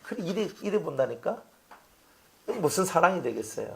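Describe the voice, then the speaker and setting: Male pastor, fairly high voice, animated conversational sermon. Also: moderate pace, creaky. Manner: animated, chatty preaching with rhetorical questions.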